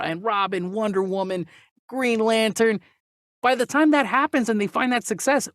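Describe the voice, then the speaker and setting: A high-voiced man hosts a movie news discussion show, offering his views in a casual yet emphatic way and repeating phrases as his point takes shape. The audio is clean studio sound with no echo.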